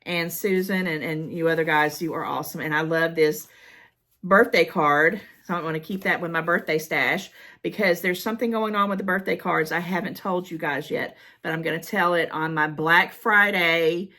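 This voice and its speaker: A woman's voice: fairly low pitch, fairly even intonation, moderate pace, pushed and bright. A woman vlogger chatting casually and emotionally as she reads cards from her viewers. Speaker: haul vlogger.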